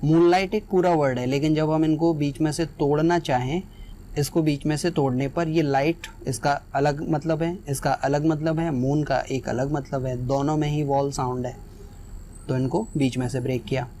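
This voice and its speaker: A man's voice: on the high side, level tone, normal speed, warm tone, slight background noise. A man teaching an English lesson in Hindi, patiently repeating each example word. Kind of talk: explaining exam lesson.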